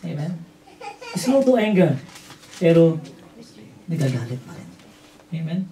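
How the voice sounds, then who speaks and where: A man's voice: a little high, sing-song, measured pace, dark tone, a little hiss or hum. A man with a Filipino accent preaching a sermon as pastor, mixing in English and often asking "Amen?" and "no?". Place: church hall. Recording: roomy hall audio from a distance.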